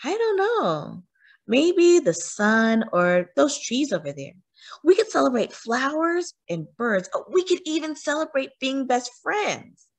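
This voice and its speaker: An eager young girl full of ideas in a storybook, as a woman reader puts her on. Her voice sits high and leaps about with excitement. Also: a little slow, vocal fry, no echo, exaggerated voice.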